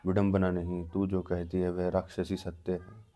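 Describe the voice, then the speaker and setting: A man's voice: low voice, completely flat delivery, moderate pace, dark tone, lightly acted. A man reading as a defiant roaring old scholar. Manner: thundering, defiant.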